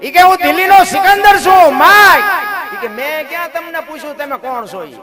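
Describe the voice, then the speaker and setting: A man voicing a carefree, proud beggar fakir who speaks loudly and offhandedly, with music playing behind. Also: very high-pitched, animated, brisk, crowd noise, pitched above the performer's own voice. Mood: defiant.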